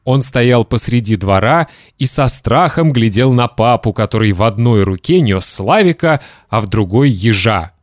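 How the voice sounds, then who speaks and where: A man reading a children's story aloud in an expressive, storytelling manner. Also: mid-range voice, normal speed, few pauses, no echo, studio quality. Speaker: reader.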